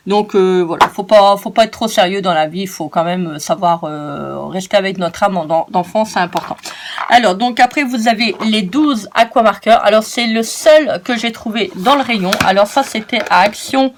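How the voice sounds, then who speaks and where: A woman's voice: mid-range voice, moderate pace, a little hiss or hum. A woman chatting casually as a vlogger, showing off her craft-shop purchases in a playful, joking way. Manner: chatty and playful, often scolds herself jokingly. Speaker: craft shopping-haul vlogger.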